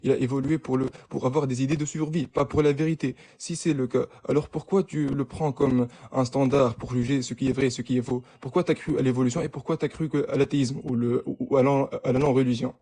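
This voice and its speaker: Mellow young man in halting, broken French. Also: mid-range voice, steady tone. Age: young adult. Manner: broken French, groping for words with stammered repeats. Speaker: debate participant, student. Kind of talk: casual live debate.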